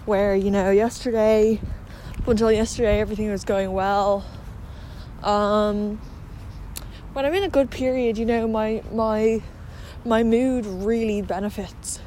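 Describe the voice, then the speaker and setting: Slow-talking woman, slight retainer lisp, outdoors. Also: mid-range voice, darkish tone. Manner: hesitant, candid, with mild swearing. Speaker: podcast host. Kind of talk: casual confessional monologue while walking. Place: outdoors, on a muddy walk. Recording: noisy outdoor walking recording.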